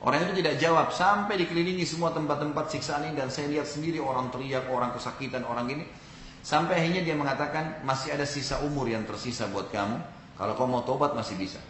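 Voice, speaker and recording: A man's voice: a little high, fast talker, fairly bright tone, echoey room, slight background noise, low-quality recording. A man from Indonesia giving an Islamic sermon, telling a story and speaking directly to his audience. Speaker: preacher.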